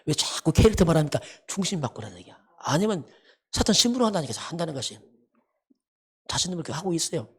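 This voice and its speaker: Male pastor, sermon, husky voice, animated swinging pitch, emphatic repetition. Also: fast talker. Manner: emphatic, repetitive preaching with rhetorical questions. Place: church sanctuary.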